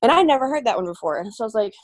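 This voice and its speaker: A woman's voice: a little high, animated, very fast, no room sound. A woman singer, a guest, talking casually and emotionally with many fillers and restarts. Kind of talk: casual interview talk.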